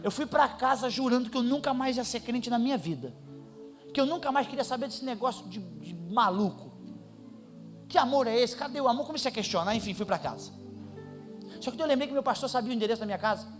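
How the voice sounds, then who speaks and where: A man preaching, telling a personal testimony in an animated, comic storytelling manner in church. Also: very high voice, fast, music in the background. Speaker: pastor. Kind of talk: sermon testimony.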